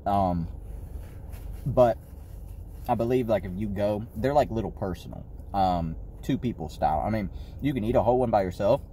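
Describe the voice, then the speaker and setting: Man, low mellow voice, talks while chewing, loose and casual with fillers, faint outdoor traffic hiss behind. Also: moderate pace. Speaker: food vlogger. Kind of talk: casual pizza taste-test review.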